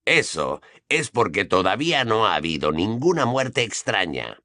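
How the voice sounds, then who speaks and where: A brooding middle-aged wizard, speaking low and quietly, as a male reader puts him on. The voice is close and dry with an expressive lilt. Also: moderate pace, no room sound, exaggerated voice.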